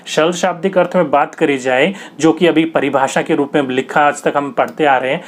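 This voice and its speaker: A young man teaching a grammar lesson for exam prep, asking questions and answering them himself in a patient, repetitive way. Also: a little high.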